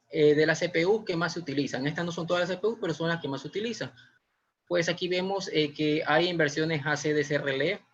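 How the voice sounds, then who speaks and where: A man's voice: fairly high pitch, a bit bright. Guayaquil man teaching over a muffled call. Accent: Ecuadorian Spanish, Guayaquil. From Ecuador. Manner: explanatory with frequent "eh" fillers. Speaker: automation instructor. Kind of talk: live webinar lesson. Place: small room indoors. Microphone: webcam or laptop mic on video call. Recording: muffled video-call audio.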